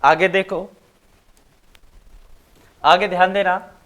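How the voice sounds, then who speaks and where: A male teacher from Rajasthan giving a grammar lesson, dictating notes slowly and repeating points, then quizzing his students. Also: high voice, fairly even intonation, fairly bright tone. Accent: Rajasthani Hindi. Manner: slow, repetitive dictation with questions to students.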